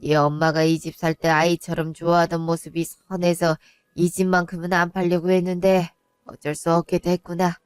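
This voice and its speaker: A woman voicing a weary, indebted old father who speaks low, gentle and resigned in a one-voice audio drama. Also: flat delivery, moderate pace, smooth, no room sound, studio quality, natural voice. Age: older.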